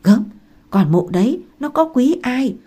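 A woman reading aloud and voicing a blunt, gruff old village woman who scolds loudly and talks coarsely. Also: sits high, lively intonation, measured pace, pitched above the performer's own voice, exaggerated voice. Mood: scolding.

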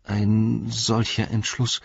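A man playing a cringing, scheming adviser who draws his words out slowly and creeps up in pitch. The voice is husky and slightly set back, in a dry, dull recording. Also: monotone, dry recording, heavily acted. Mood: wheedling. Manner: wheedling, drawn-out. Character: sly, cringing male royal adviser, treacherous.

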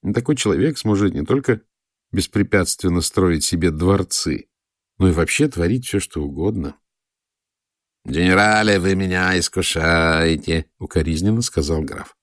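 A man with a low voice reads a first-person story in a calm, measured way. His intonation moves a lot. The sound is close and dry with no room around it. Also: no echo. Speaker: audiobook narrator. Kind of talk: first-person scripted narration.

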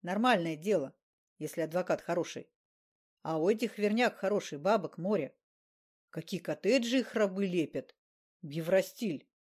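A woman's voice: lowish voice, normal speed, darkish tone, husky. Woman reading as a slangy gangster guy. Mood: offhand. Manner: slangy, offhand. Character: blunt streetwise male gangster buddy.

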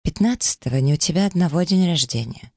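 A man voicing an affectionate young woman who is easily hurt, reading her lines in a raised, soft, pleading tone for an audiobook. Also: on the high side, expressive, fast, no echo, studio quality, voice pushed up. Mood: tender.

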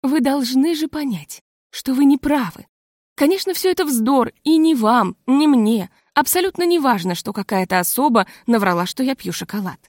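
A woman reading an audiobook voices a proud, educated woman trying to stay calm while indignant. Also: sits high, moderate pace, no room sound, studio quality. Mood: strained calm.

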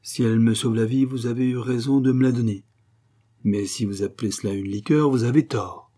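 A man voicing a drunk master locksmith who mumbles and stammers, his voice often raised higher and louder than his narration. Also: fairly even intonation, fairly quick, breathy edge, close to an everyday voice. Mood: groggy, indignant.

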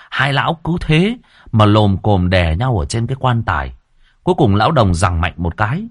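Brief: male storyteller, husky voice, lively pitch. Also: dry recording, clean studio sound. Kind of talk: comic ghost story narration.

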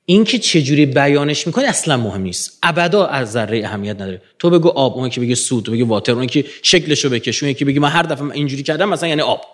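A man giving a lecture to an audience, animated, swinging from low murmurs to emphatic rising peaks. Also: hardly any pauses.

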